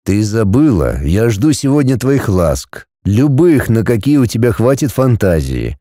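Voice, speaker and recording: A domineering dragon lord, as a male reader voices him in a storybook, speaking in curt, commanding lines. His tone is dark and mellow, and his pitch moves freely. The sound is dry and close. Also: very animated, measured pace, dry recording. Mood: cool.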